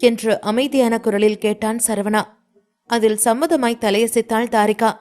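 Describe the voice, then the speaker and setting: A woman narrating a scripted romance story with a slightly high voice. She reads with dramatic, emotive colour. Her telling is steady and measured.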